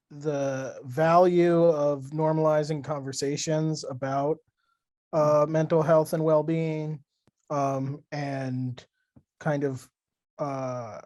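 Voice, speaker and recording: Soft-spoken man on a video call. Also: mid-range voice. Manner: soft-spoken, measured, thoughtful. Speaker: workshop participant.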